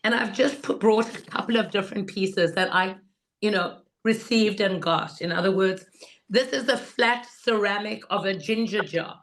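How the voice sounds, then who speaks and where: A woman teaches an informal workshop in a medium-pitched voice. Laryngitis leaves it hoarse and rusty, like a voice long unused. She is enthusiastic and instructive as she explains. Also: moderate pace. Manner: enthusiastic, instructive, repeats 'in other words'. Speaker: guest teacher of market selling.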